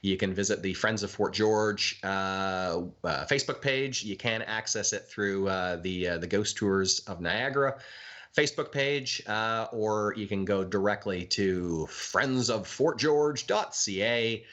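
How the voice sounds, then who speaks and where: Bright, low-voiced Canadian man. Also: unhurried. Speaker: ghost tour guide, interview guest. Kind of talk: casual interview talk.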